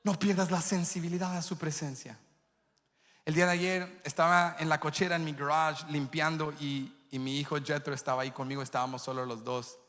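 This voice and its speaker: A man's voice: fairly high pitch, flat delivery, brisk, a bit bright. A male pastor preaching a sermon, passionate and telling vivid stories. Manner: impassioned preaching with vivid storytelling. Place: church sanctuary. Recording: echoey church hall.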